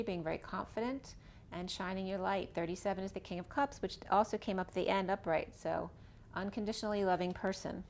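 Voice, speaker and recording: Woman tarot reader, chatty, thinking aloud, voice going, mid pitch, faint rumble behind. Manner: chatty, thinking aloud while drawing cards. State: losing her voice. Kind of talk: casual spoken tarot reading.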